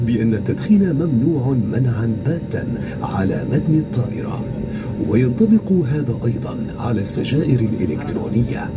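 A man giving a formal, measured in-flight announcement over an airplane cabin loudspeaker. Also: mid-range voice. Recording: muffled cabin PA over loud engine noise.

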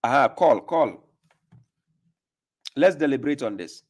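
A man's voice: mid-range voice, expressive, unhurried, darkish tone, breathy edge. A man hosting a live call-in religious debate stream, pressing his caller with repeated questions. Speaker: livestream host. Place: small room indoors.

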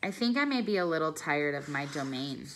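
A woman calmly reading a children's novel aloud, careful and measured as a teacher. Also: sits low, slight background noise. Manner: calm, careful storytelling, pausing over phrases.

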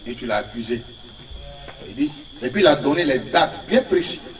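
A man's voice: medium pitch, lively intonation, normal speed, fairly bright tone, recorded from a distance, slight background noise. A man from Ivory Coast, preaching a sermon as a prophet, telling stories with laughter and acted-out quotes. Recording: echoey room, speaker off-mic.

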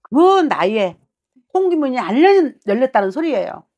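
A woman's voice: sits high, very animated, moderate pace, darkish tone, highs cut off. A middle-aged woman fortune teller giving a reading on the phone, blunt and scolding, acting out her client's thoughts as she talks. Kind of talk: fortune-telling consultation. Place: small shrine office.

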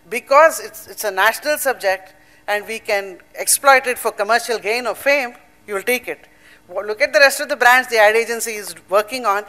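An older woman with an Indian English accent addresses an audience in an earnest, emphatic way. Her voice sits a little high. She drifts into personal anecdotes with small asides. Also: bright, forceful tone. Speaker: panel speaker. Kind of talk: public talk at an event.

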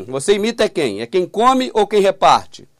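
A man preaching on video who reads scripture aloud slowly, then presses the listener with repeated questions. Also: sits high, sing-song, dry recording, clean studio sound. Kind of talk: YouTube Bible teaching.

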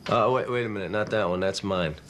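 An actor playing a laid-back, playful boyfriend in a naturalistic TV film. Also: male voice, lowish voice, quick pace, natural voice. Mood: protesting. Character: laid-back, playful boyfriend attached to his handmade things. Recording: noisy film soundtrack.

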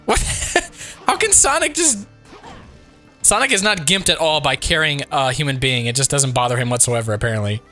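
A man talking through a video game while sick, his voice not quite back yet. He sounds bright and a little pitched up, and his voice leaps around as he reacts with sudden exclamations. Faint music plays underneath. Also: moderate pace. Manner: excitable, reactive, frequent exclamations and chuckles. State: sick, voice not fully recovered. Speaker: let's play host. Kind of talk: casual gameplay commentary.

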